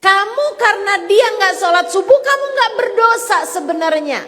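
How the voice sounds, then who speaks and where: A woman's voice: extremely high pitch, lively intonation, moderate pace, fairly bright tone. A woman preacher giving a sermon, speaking straight to her listeners in a lilting, sing-song cadence. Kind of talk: sermon to a women's audience. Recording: long hall reverb.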